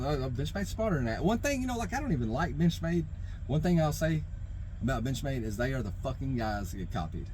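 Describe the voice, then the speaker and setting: Casting: male vlogger with a slightly high voice, exasperated off-the-cuff rant, heavy profanity, stumbling repeats, noisy background. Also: a little mellow. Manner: exasperated, rambling, profanity-laden ranting; repeats and stammers over phrases while hunting for words. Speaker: knife review vlogger. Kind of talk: unscripted opinion rant to camera.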